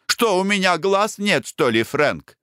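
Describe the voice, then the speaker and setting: A man voicing a blunt, mocking middle-aged army captain who speaks slowly and scornfully. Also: sits high, very animated, fairly bright tone, clean tone, dry recording, clean studio sound, pitched above the performer's own voice, exaggerated voice. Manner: slow, scornful and threatening.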